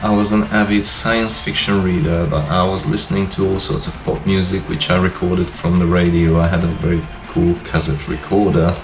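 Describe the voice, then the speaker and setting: Fifty-something guy from hungary, low and gravelly, rambly vlog chat, roomy echo, bit of music under. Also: moderate pace, hardly any pauses. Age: 50s. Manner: relaxed, rambling storytelling with fillers. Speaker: YouTube channel host. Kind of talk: casual personal vlog talk. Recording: echoey room with music behind.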